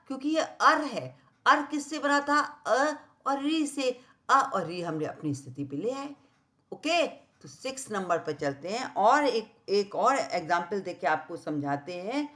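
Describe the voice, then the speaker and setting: This woman teacher is slow and patient, leading a blackboard grammar lesson for children in a high-pitched, fairly bright voice with lively intonation. As she writes, she spells words out slowly, repeats them, and keeps asking "clear?" and "right?"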